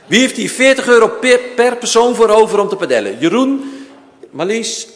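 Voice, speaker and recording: In a big reverberant hall, a man runs a live auction in an informal way. His voice is high and very animated in pitch as he calls out counts and repeats prices like an auctioneer. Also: normal speed.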